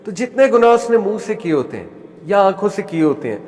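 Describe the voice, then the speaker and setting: Earnest man speaking in a reverberant hall. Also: sits high. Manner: calm, earnest, mixes English phrases into Urdu; recites Arabic prayer phrases and explains them. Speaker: Islamic speaker. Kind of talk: religious talk.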